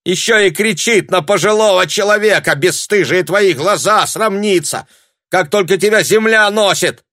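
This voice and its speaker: A male narrator voicing a shrill, sharp-nosed older woman who screeches insults in an audiobook. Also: moderate pace, no room sound, studio quality. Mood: shrieking. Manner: piercing, scolding, abusive.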